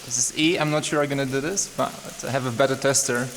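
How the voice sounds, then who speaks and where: A man's voice: mid-range voice, steady tone, fast talker. A man vlogging his mountain climb, speaking from inside a cave where his voice echoes. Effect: echoing cave sound. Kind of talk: vlog narration while climbing. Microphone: action camera.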